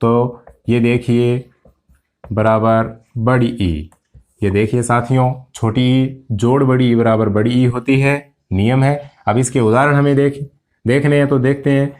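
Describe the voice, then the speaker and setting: A man's voice: mid-range voice, steady tone, unhurried, darkish tone. Man teaching a step-by-step grammar lesson. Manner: explains step by step, asks and answers his own questions; addresses students directly. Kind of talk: exam-prep grammar lesson.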